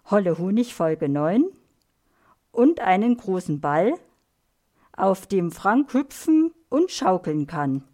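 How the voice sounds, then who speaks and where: A woman reading a children's story aloud in a clear, expressive storytelling manner. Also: medium pitch, slow pace.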